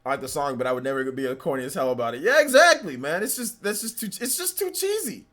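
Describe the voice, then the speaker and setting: Ranting bright-voiced man in his forties. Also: fairly high pitch, sing-song, fast talker. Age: 40s. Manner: ranting, repetitive, exasperated. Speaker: livestreamer. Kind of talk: live reaction stream.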